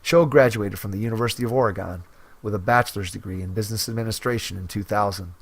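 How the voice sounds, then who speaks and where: A man with a voice on the low side hosts a basketball coaching podcast. He reads a guest's biography in a measured announcer style, then moves on to interview questions.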